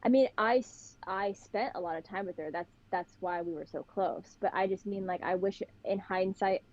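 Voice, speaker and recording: A young woman from Pittsburgh in Western Pennsylvania, with the local accent, appears as a podcast guest and tells stories in a lively, chatty, casual way. Her pitch is middling and her pace moderate. The audio is slightly dull and lo-fi.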